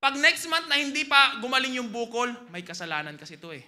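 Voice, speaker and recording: A man with a Filipino accent preaching a sermon as pastor, swinging from loud exclamations to hushed asides. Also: very high voice, quick pace.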